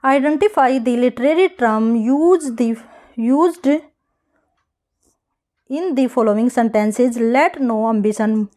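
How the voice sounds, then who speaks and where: Woman tutor, fairly high, mellow tone, reads questions slowly and explains casually. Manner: reads questions slowly, then explains in Hindi mixed with English. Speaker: English exam tutor. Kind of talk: online exam answer-key lesson.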